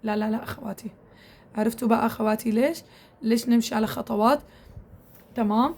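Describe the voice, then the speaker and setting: Brisk woman tutor, fairly high voice, keeps asking "okay?". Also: fairly even intonation, a little mellow. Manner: repetitive, checks in with "tamam?" often. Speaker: Quran recitation teacher. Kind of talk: casual instructional talk to women students.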